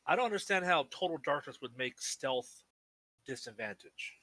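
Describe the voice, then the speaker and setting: A man plays his character at a tabletop game with a bright, sharp voice and a fairly high pitch. He keeps questioning the rules and argues his point in a casual way. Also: expressive, moderate pace. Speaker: player.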